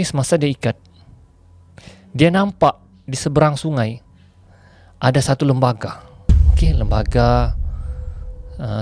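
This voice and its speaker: A man telling a ghost story in a chatty way, pausing to explain local slang to his viewers. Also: mid-range voice, a little mellow.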